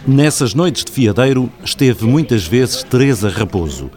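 A man with a European Portuguese accent narrates a radio documentary. His voice sits at an ordinary male pitch, and he delivers scripted lines as a storyteller would. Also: expressive, measured pace, darkish tone.

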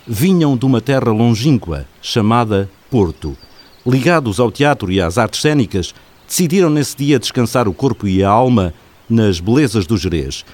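A man's voice: fairly low pitch, a little mellow. A man with a European Portuguese accent reading scripted documentary narration in a storytelling style. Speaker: radio reporter and narrator.

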